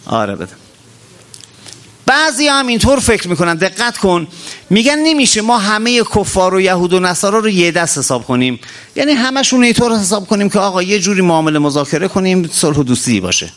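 A man preaching a religious sermon to a congregation, impassioned, rising and dropping sharply as he talks, chanting verses slowly. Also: big pitch swings, fairly bright tone. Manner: impassioned, rises and drops sharply in pitch. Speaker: cleric.

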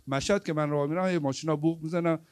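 High-voiced male preacher, emphatic storytelling. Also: fairly even intonation, clean tone. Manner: emphatic, swings between loud stresses and hushed asides. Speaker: preacher at a religious gathering. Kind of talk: storytelling sermon. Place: evening mourning gathering.

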